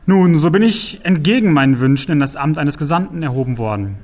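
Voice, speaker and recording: A man's voice: on the high side, lively intonation, fairly quick, darkish tone. A man playing a jovial, teasing envoy. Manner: teasing, worldly, talkative. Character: jovial, vain middle-aged male envoy. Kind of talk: audiobook character voice.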